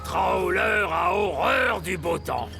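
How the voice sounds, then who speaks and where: Gravelly, boastful old cartoon fisherman. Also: high-pitched, big pitch swings, slow, over music, heavily acted. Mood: scornful. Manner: gloating, shouting, speaks of himself grandly. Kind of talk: French children's cartoon dubbing.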